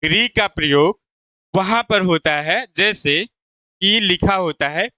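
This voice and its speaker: A man teaching a Hindi exam-prep video lesson. He asks his viewers a question, answers it himself, and slowly repeats the key terms. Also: sits high, bright, forceful tone, no room sound. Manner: addresses viewers as "friends".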